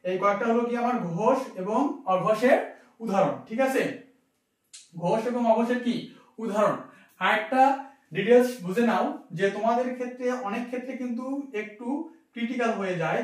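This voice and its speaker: A young man from Bangladesh teaching an admission-test grammar lesson, repeating terms and quizzing the listener as he goes. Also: extremely high pitch. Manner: repetitive, quizzing, asks "ঠিক আছে?" often. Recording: echoey room, distant from mic.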